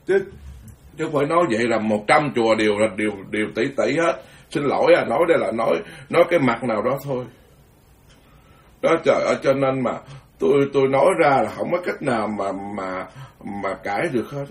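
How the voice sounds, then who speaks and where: A man's voice: medium pitch, lively intonation, fairly quick, recorded from a distance. A male Buddhist monk gives a blunt, frank, scolding dharma talk and chants sutra verses.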